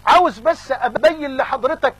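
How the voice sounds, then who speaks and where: High husky Egyptian preacher. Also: male voice, a little fast, a bit bright, dry recording, poor audio. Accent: Egyptian Arabic. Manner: fervent, repeats phrases for emphasis. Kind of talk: sermon.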